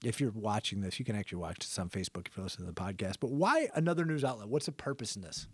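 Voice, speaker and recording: A man's voice: lowish voice, animated, rapid-fire, slightly rough, no echo. An American man chatting casually as a podcast co-host. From Flint area, Michigan, United States. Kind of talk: casual chat. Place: bunker, indoors.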